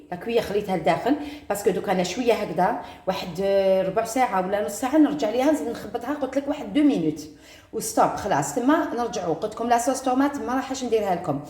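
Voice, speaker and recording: Fast-talking Algerian woman cooking. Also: mid-range voice, a little mellow, echoey room. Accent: Algerian Arabic. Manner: chatty, mixes French words, talks to viewers as she works. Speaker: cooking vlogger. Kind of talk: casual cooking tutorial.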